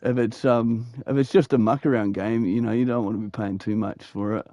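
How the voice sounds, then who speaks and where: A man's voice: fairly low pitch, steady tone, fairly quick, mellow, dry recording, studio quality. A man with a broad New Zealand accent chatting casually about gaming in a rambling, matey, sweary way.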